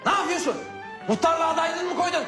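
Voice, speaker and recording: A man's voice: very high-pitched, fast. A man playing an irritable, sarcastic math teacher who scolds his student in a comedy sketch, with a music bed behind. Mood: scolding. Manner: shouting, insulting scolding.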